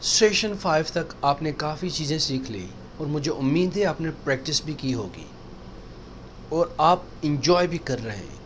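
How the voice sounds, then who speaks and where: A man teaching English pronunciation in a recorded lesson, repeating sounds and phrases slowly to drill them. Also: a little high, animated, a little hiss or hum. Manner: drills sounds with slow, drawn-out repetitions.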